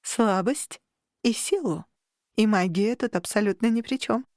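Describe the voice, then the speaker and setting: A woman voicing a cheerful, kindly middle-aged vampire woman in an audiobook, with a teasing, gently sly manner, in a dry studio recording. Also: medium pitch, unhurried, dry recording, natural voice. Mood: gently knowing.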